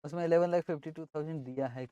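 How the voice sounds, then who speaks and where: A man's voice: a little high, steady tone, fast, dark tone, clean tone, dry recording, dull audio. A man teaching accounting in an informal lesson, casually working through the sums aloud.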